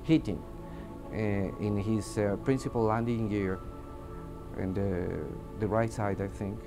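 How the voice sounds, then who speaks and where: This air traffic controller, a native Spanish speaker with a Mexican accent, gives interview testimony while groping hesitantly for words. His voice is on the low side, with fairly even intonation and a slightly slow pace, and background music runs under it.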